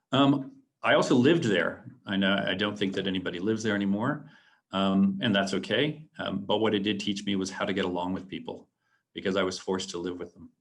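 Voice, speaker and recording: A man in his late forties giving a reflective talk to students as an alumnus, earnest and halting, with many ums and restarts. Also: deep voice. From San Antonio, Texas. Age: late 40s. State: a little choked up. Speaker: alumnus guest speaker. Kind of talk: presentation to students.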